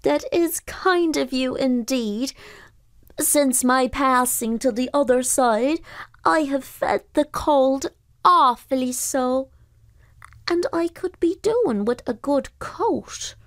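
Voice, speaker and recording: A woman voicing a male pooka, a donkey-like spirit who was once a lazy servant, speaking slowly and courteously. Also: high voice, no echo, studio quality, pitched above the performer's own voice. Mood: grateful. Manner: slow, drawn-out and courteous.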